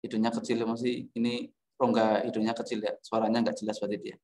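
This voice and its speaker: A man's voice: fairly low pitch, flat delivery, fast, a little mellow, a little hiss or hum. Joking male teacher in an echoey classroom. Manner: joking, teasing students. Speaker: music teacher. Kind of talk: classroom lesson.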